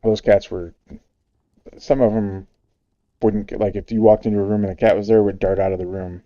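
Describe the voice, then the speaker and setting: A man chatting casually on a stream, telling a relaxed story with fillers. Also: fairly low pitch, brisk, no echo, highs cut off. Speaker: stream guest. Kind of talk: casual chat.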